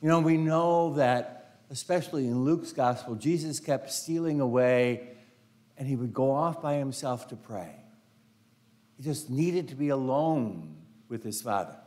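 An older priest speaks in an unhurried, medium-pitched and a little mellow voice, offering a chatty homily built on stories. He wears a lapel mic while walking in front of the altar of a large carpeted church sanctuary, using "you know" a lot and laughing easily.

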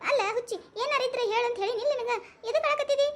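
A woman's voice: very high voice, fairly even intonation, rapid-fire, a little hiss or hum. A woman with a North Karnataka Kannada accent playing an older village aunt and grandmother who coaxes and teases in a comedy skit. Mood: teasing concern. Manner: coaxing, teasing chatter with laughing asides.

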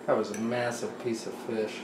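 This man's voice is on the low side, and he speaks at a normal speed with a flat delivery. He casually talks through each step of cooking at his stove at home, while an echoey room picks up clear kitchen noise: sizzling from the pan and steady stirring.

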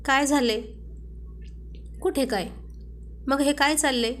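A woman's voice: high voice, takes it slowly, a bit bright, slight background noise. Woman reading as an emotional young wife. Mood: irritated. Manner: pleading, emotional.

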